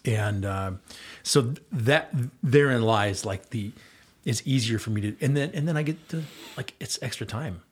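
At a moderate pace and medium pitch, a middle-aged man with a slightly rough voice chats casually. The guest, who volunteers coaching girls' basketball, talks earnestly about coaching his kids, rambling with fillers and restarts.

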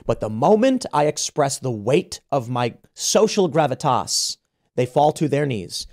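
A man's voice: mid-range voice, sing-song, unhurried, darkish tone. A man in his thirties from the United States, hosting a podcast and telling an indignant story full of restarts and repeated words. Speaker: podcast host. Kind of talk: casual podcast conversation.

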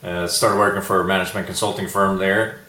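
A man from Sweden, a guest entrepreneur, telling his story in a relaxed, reflective interview. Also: low-pitched, fast talker, reverberant, rough recording. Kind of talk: casual interview chat.

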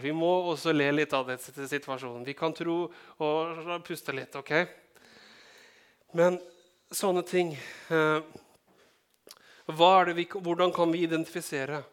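A man's voice: fairly high pitch, fairly even intonation, a bit bright, smooth. A man from Norway preaching a sermon in a conversational way, checking in with the congregation and adding joking asides. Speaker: pastor.

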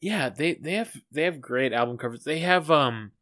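A man's voice: a little high, animated, normal speed, a bit bright. A man co-hosting a podcast in casual chat, earnest and keen to set the record straight. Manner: earnest, keen to correct himself. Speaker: podcast co-host.

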